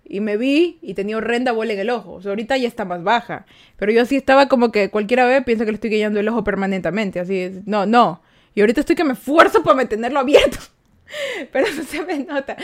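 A woman hosting a live stream and podcast, chatting casually and acting out little dialogues with jumps in her voice. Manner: animated, acts out little dialogues with jumps in pitch. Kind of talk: casual chat with live viewers.

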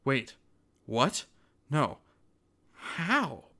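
A man's voice: mid-range voice, very animated, very slow, vocal fry, sharp tone, heavily acted. A man playing a weary, centuries-old ferryman of souls, earnest and full of regret, in a dramatic story. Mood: bewildered. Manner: earnest, confessional.

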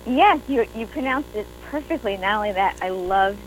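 A woman with a New York accent, a guest in an interview, talking warmly with lots of fillers. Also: mid-range voice, animated, normal speed, slight background noise, poor audio. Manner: chatty, many fillers, warm. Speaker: actress and writer guest. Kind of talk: interview conversation.

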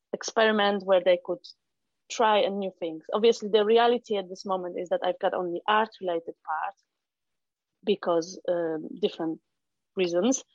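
A middle-aged Polish woman with a Polish accent speaks casually as an interview guest; she founded an arts venue for children. Her mid-range voice is hesitant, full of restarts and "um" fillers, and the audio sounds dull with no room sound.

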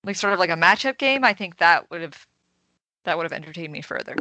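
Bright-voiced chatty woman. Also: on the low side, expressive, no echo. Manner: quick reactions, chatty, laughs at herself. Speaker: podcast co-host. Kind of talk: casual chat.

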